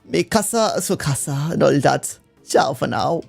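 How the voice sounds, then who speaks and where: Picture a flamboyant, airy older hostess who tosses off foreign phrases as if they were nothing, put on by a man. The voice carries a gravelly edge and a mellow, dark tone. Faint music plays behind her. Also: fairly high pitch, expressive, unhurried, full character voice. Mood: breezy theatrical.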